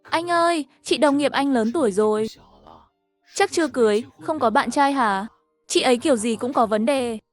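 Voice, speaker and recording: A sickly young man who whines and complains in a high, self-pitying voice, as a woman puts him on. The story is told over light background music. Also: normal speed, close to an everyday voice. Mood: complaining.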